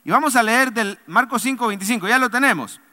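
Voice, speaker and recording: A male pastor preaching a sermon, leading the congregation to answer him aloud and swinging between loud emphatic lines and soft low asides. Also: brisk. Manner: preaching with call-and-response to the congregation. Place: church sanctuary. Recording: long reverb of a large hall.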